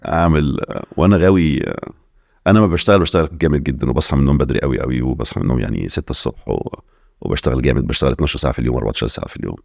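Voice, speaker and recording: A middle-aged man from Alexandria with an Egyptian accent, a guest in a casual podcast interview, talking quickly and slipping English phrases into his speech. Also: extremely low pitch, vocal fry, a little mellow, dry recording, studio quality. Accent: Egyptian Arabic. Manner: rapid talk mixing in English phrases. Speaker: investor guest.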